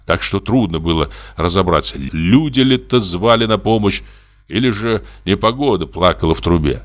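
A man's voice: low-pitched, lively intonation, moderate pace. A man narrating a classic story as an audiobook, telling it expressively. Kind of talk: literary narration.

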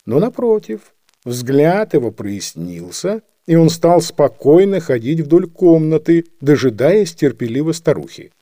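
Guy reading an old story out loud, lively up and down, dry close sound. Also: fairly high pitch, measured pace, dry recording. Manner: expressive storytelling. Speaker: audiobook reader. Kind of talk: scripted narration.

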